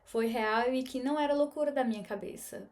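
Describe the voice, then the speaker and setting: Chatty Brazilian woman, high voice. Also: a little fast, a little mellow. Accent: Brazilian Portuguese. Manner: chatty, earnest, with frequent tag questions. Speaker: spiritual teacher and medium. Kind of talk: personal storytelling vlog.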